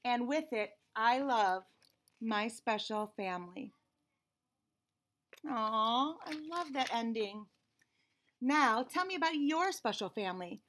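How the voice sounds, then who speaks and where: An American woman in her forties reads a picture book to young children slowly, with long pauses and lively intonation. Her voice is a little high and fairly bright. As a read-aloud host and teacher, she reads expressively and includes friendly teaching asides, in a small indoor room with shelves and cabinets.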